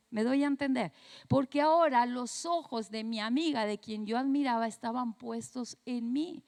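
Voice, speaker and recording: A woman pastor, slightly hoarse, telling a personal story in a conversational sermon with frequent tag questions. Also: sits high, in a large hall.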